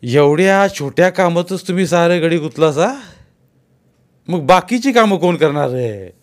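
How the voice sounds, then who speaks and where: A man voicing a gruff, bossy middle-aged village landowner, scolding his farmhands. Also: fairly high pitch, expressive, unhurried, voice pushed up.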